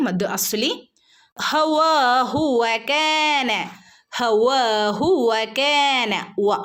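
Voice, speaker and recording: A woman teaching Quran recitation, patiently repeating each word and asking and answering her own questions. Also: mid-range voice. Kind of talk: recitation lesson, explaining and modelling verses.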